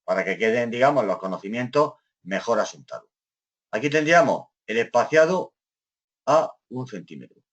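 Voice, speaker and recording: A man teaching an office software class, explaining each step and often checking in with his students, slowing down and going quiet while he types. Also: mid-range voice, sing-song, highs cut off. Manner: slows down and trails off quietly while typing. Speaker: computer skills teacher. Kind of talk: screen-recorded software lesson.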